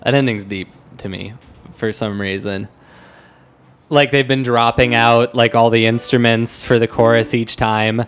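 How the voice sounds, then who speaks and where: A podcast host talks casually about music in a mid-range, steady, unhurried voice while a song plays behind him. He's emphatic and informal, but hesitant and repetitive, often circling back as he searches for words.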